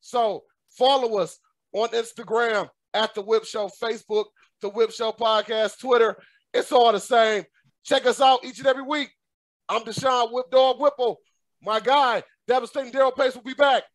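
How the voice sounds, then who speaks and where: A man hosting a casual podcast interview, upbeat and full of slang, often breaking into laughter. His voice sits high, and it is recorded close and dry with no room sound. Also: steady tone, normal speed, no echo. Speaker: podcast host.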